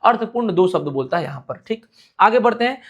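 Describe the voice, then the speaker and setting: A man's voice: high voice, lively intonation, quick pace, gravelly, muffled recording. A male teacher giving an exam-prep lecture. He asks his students a question, answers it himself, and repeats the key points.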